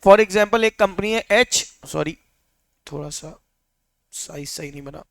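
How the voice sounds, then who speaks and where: A young man teaching a class, his voice high and smooth. He keeps quizzing the students with rapid questions and slips English terms into the lesson. The recording is close and dry. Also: a bit bright, dry recording. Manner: mixes English terms into speech. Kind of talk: classroom lecture.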